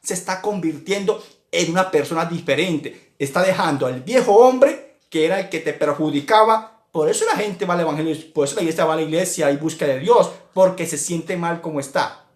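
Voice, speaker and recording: A man's voice: a little high, brisk, echoey room. A man from Colombia teaching an online church Bible lesson, earnest and repetitive, with many restarts.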